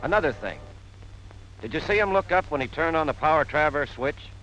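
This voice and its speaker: A slightly high, expressive, fairly bright voice moves a bit quickly as an American man gives punchy, plain-spoken instruction, like a 1940s military training film narrator. The recording is muffled, from a noisy 1940s film soundtrack.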